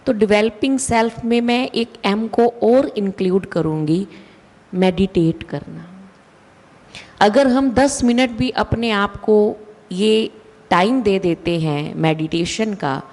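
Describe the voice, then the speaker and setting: A woman giving a slow, deliberate spiritual talk with emphatic rises in her voice. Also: lowish voice, darkish tone. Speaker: spiritual speaker. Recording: long hall reverb.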